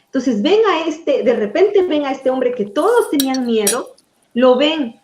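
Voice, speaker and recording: A woman preacher teaching from the Bible in a lively, conversational way, asking her audience questions. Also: high-pitched, measured pace, roomy sound.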